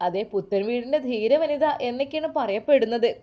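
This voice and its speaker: Woman voicing a gentle young lawyer. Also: on the high side, a little fast, lightly acted. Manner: soothing, firm. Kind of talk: storytelling with acted dialogue.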